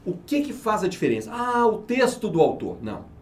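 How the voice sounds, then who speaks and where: A man's voice: sits high, big pitch swings, normal speed. A man, a company manager, explaining his teaching method in an interview, persuasive and emphatic, often answering his own rhetorical questions. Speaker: research and market manager, interview guest.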